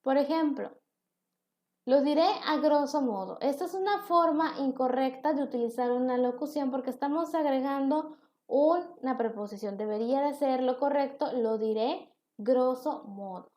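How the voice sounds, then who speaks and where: A woman's voice: high voice, normal speed, mellow, echoey room. A woman teaching a recorded online class, explaining patiently and posing questions she then answers herself.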